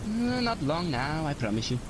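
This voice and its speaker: An actor playing an enigmatic, grieving alien time traveler and mentor in an audio drama, with a theatrical, grandiose way of speaking. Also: male voice, on the high side, sing-song, moderate pace, noisy background. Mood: musing.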